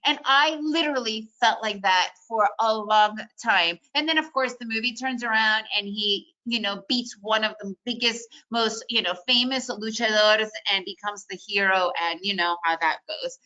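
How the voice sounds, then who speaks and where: A day trading educator hosts a casual webinar in a chatty, upbeat way, peppering her talk with "you know" and "right?". Born in the Soviet Union as a native Russian speaker and raised in the United States, she has a slightly high, bright, forceful voice and speaks at a normal pace with few pauses. The recording is muffled.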